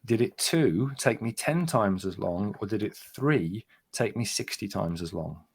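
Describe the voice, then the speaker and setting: A man's voice: lowish voice, lively intonation, a little slow, husky. Dry, teasing man. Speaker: podcast host. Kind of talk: casual banter.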